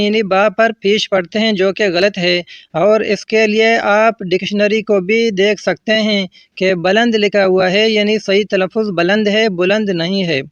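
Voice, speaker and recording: High-voiced man explaining correct pronunciation. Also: dry recording. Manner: patient, methodical, repeats each word with a gloss. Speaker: Urdu language teacher. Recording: dull, slightly lo-fi dry recording.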